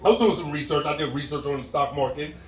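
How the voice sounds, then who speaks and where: On a club stage, a man in his forties performs a stand-up set, speaking quickly in a slightly high voice. His storytelling is laid-back until he bursts into loud, shouted impressions of characters, and the audio is roomy and picked up from afar.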